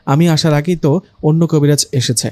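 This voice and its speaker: A man voicing a sly male ghost in a storybook reading, scheming and quiet. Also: a little high, fairly even intonation, brisk, no room sound, natural voice.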